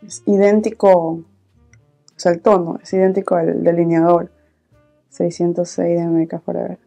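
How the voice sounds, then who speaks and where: A woman in her thirties talking softly and intimately, in a casual makeup-vlog chat. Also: little pitch movement, moderate pace, vocal fry, faint music behind. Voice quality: soft-spoken. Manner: soft, low-volume talking, intimate. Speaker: beauty vlogger, host. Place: small indoor room, filming setup.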